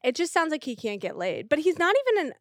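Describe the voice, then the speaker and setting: A woman's voice: sits high, big pitch swings, quick pace, no room sound, clean studio sound. A woman hosting a podcast in a casual, comedic, blunt and irreverent way. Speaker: podcast host.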